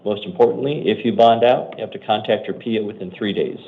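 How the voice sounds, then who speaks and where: A man's voice: lowish voice, vocal fry. Matter-of-fact American male judge, phone-like sound. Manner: brisk, matter-of-fact, routine delivery. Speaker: judge or commissioner at initial appearance hearings. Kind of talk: procedural courtroom announcements. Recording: muffled phone-like courtroom audio.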